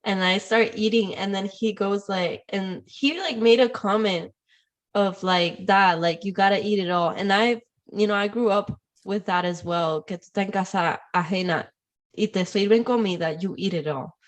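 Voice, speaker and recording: A woman's voice: medium pitch, moderate pace. A woman from Puerto Rico hosting a podcast, chatting casually and switching between Spanish and English as she goes. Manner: chatty, mixes Spanish and English, laughs often. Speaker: podcast host. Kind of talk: casual conversation.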